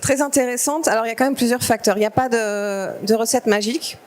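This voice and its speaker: A woman's voice: fairly high pitch, fast talker, slight background noise. A woman speaking at a conference, answering audience questions in an explanatory way with many fillers and restarts. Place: conference stage.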